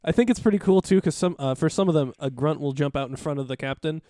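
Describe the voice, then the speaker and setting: A man's voice: a little high, fast, mellow, dry recording, clean studio sound. A man co-hosting a casual gaming podcast, rambling with many fillers and plenty of enthusiasm. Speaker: podcast co-host.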